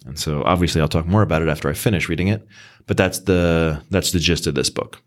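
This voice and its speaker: A man's voice: sits low, fast talker. A man hosting a book podcast, chatting casually with frequent ums. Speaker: podcast host. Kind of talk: casual chat.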